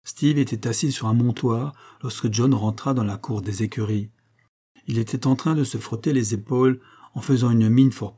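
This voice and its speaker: A male audiobook narrator reading a classic novel with measured, steady delivery. His voice is husky and dark, mellow rather than bright. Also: mid-range voice. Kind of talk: scripted literary narration.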